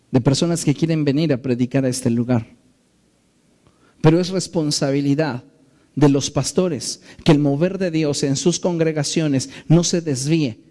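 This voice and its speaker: A man preaching a sermon as a pastor in his church, slowing down and stressing key phrases in an earnest way. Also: a little high, dark tone. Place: church sanctuary.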